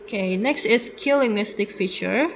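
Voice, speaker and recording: A woman's voice: medium pitch, moderate pace, slight background noise, low-quality recording. A young woman giving a class presentation from slides, hesitant, with fillers and self-corrections. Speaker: student presenter.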